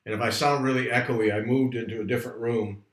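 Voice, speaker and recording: A man's voice: mid-range voice, steady tone, fast. A man's voice in a middle register rings around a bare, unsoundproofed room with a strong echo. He hosts a casual livestream chat, chatty and rambling as he talks to viewers. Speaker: host. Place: room at home, not soundproofed.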